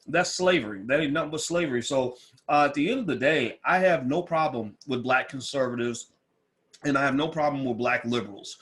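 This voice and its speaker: A man's voice: medium pitch, fairly quick, fairly bright tone. A man hosting a casual live question-and-answer stream, blunt and opinionated with some swearing, his speech slightly impeded as if by something in his mouth. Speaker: livestream host. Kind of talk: casual livestream Q&A.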